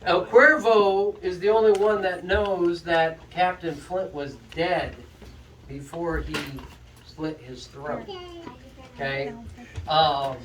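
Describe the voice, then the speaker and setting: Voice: mid-range voice, slow pace, fairly bright tone, slight background noise. Murder mystery host, mid-range voice, detective-style culprit reveal with suspenseful explanation, recorded at a distance in an echoey room. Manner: explanatory, building suspense before naming the culprit.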